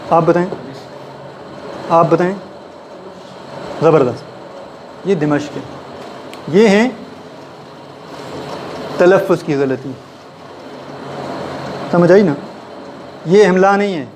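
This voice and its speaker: A man's voice: sits high, pauses often, darkish tone, a little hiss or hum. A man teaching a writing class in a classroom, explaining step by step and often putting questions to the listeners. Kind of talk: classroom lecture. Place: classroom with a board.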